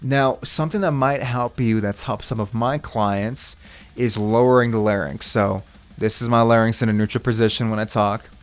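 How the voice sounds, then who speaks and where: A vocal coach with a mid-range voice talks at normal speed in an instructional video, explaining technique step by step in a reassuring way.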